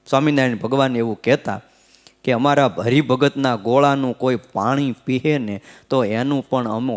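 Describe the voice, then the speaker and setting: A swami giving a sermon, telling folksy stories and checking in with his listeners through short rhetorical questions. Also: medium pitch. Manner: folksy, lively storytelling. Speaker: swami giving a scripture discourse. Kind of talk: sermon storytelling.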